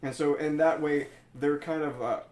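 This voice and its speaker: A man's voice: a little high, steady tone, normal speed, darkish tone. A man, chatting casually as an interview guest and rephrasing as he explains things. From Mississippi, United States. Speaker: drag queen guest being interviewed. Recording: echoey room sound.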